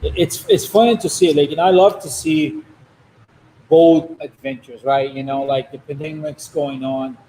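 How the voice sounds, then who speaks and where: A man's voice: on the high side, steady tone, moderate pace, mellow, slight background noise, poor audio. A man co-hosting a casual chat, rambling along and often saying "you know". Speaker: co-host.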